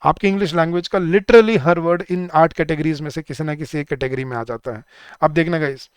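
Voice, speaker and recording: A young man teaching grammar in a live online class, asking his students many questions and reading example sentences slowly. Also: fairly high pitch, smooth, no room sound, studio quality. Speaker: English teacher for bank exams.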